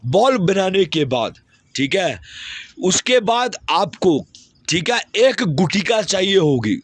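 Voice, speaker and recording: Guy walking you thru a ritual step by step, keeps saying okay, kinda high voice. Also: big pitch swings, slightly rough, no echo. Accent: Hindi. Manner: fills pauses with repeated "theek hai"; step-by-step, directive delivery. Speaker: occult ritual instructor. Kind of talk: spoken ritual instructions.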